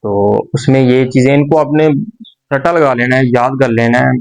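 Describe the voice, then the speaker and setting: A man of average pitch teaching a beginner's language class. He explains step by step, slowly and patiently, pausing and repeating points as he goes. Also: steady tone, smooth, rough recording. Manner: slow, patient explanation with pauses and repetitions. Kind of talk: explaining a lesson.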